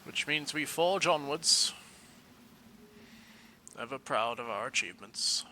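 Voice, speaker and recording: Bright-voiced man rambling over gameplay. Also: mid-range voice, animated, slow, a little hiss or hum. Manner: rambling, playful, coins silly words. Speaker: game streamer. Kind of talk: casual gameplay commentary.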